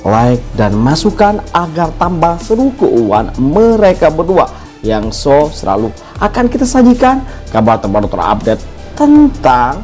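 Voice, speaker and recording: Very low-voiced woman, sing-song gossip narration. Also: darkish tone. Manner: upbeat, sing-song, addresses viewers as guys. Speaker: celebrity gossip channel narrator. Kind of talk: scripted voice-over narration. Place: voice-over recorded apart from footage.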